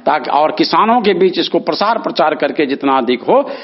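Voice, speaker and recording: A middle-aged farmer, earnestly answering interview questions and formally appealing to fellow farmers. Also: male voice, fairly high pitch, lively intonation, normal speed, breathy edge. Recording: muffled lo-fi audio.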